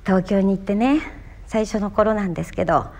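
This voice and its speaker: A Japanese actress from Miyagi performing a one-woman stage monologue, telling her story theatrically with sudden leaps in pitch. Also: fairly quick, a little mellow.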